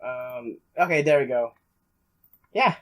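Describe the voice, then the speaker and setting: Over game music, a young man with a mid-range, fairly bright voice rambles through let's play commentary. He stumbles and hesitates as he reads the game's text aloud, letting slip the occasional mild swear word.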